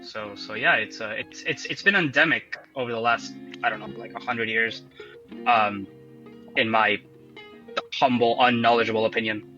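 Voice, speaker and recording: A man's voice: medium pitch, steady tone, bright, forceful tone, highs cut off, faint music behind. A man in a casual group discussion who hedges and restarts his sentences often. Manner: halting, hedging, with many restarts.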